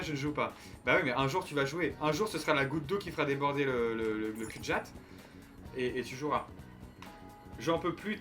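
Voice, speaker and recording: Bright-voiced young streamer joking with chat. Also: male voice, a little high. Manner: joking, rambling, stumbling restarts. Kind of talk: casual gameplay commentary to chat. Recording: light game music behind.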